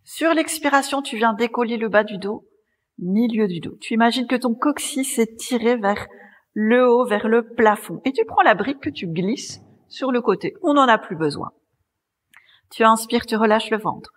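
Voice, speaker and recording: A woman yoga teacher leading a class, calmly guiding breath and movement in a soft, breathy voice. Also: on the high side, normal speed, in a large hall. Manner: calm, gently guiding, cueing breath and movement. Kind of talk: guided yoga class instruction. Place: yoga studio.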